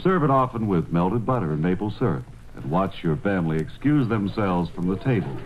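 A male comedian playing an earnest, deadpan tea pitchman in an old radio commercial parody. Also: brisk. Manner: deadpan salesmanship. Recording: dull, faintly noisy old radio.

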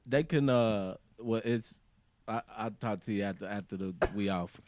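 Relaxed halting podcast host. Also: male voice, on the low side. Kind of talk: casual chat.

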